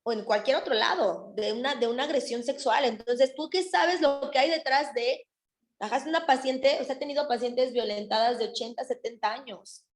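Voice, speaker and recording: A woman's voice: high-pitched, moderate pace, roomy sound. A woman teaching a nursing class, talking conversationally and often adding tag questions. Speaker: nursing instructor. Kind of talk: classroom lecture with anecdotes.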